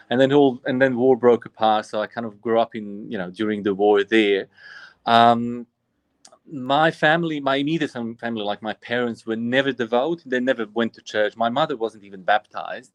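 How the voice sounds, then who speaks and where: A man's voice: medium pitch, moderate pace, dry recording. A man of about forty, from Bosnia, an Orthodox priest telling his story earnestly as a guest, often restarting his sentences. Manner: earnest and reflective, frequent restarts. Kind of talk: personal storytelling in interview.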